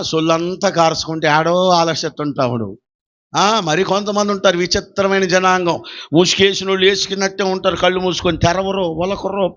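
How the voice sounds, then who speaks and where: Brief: male pastor, high voice, preaching with shouted calls and teasing asides, dull lo-fi sound. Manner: rising to shouted exhortations, teasing the congregation. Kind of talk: sermon.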